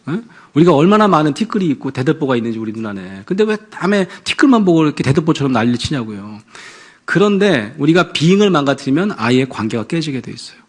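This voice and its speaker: Husky, lively pastor telling a story. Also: male voice, fairly high pitch. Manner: animated storytelling, acting out scenes. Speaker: pastor and professor. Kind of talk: lecture to parents.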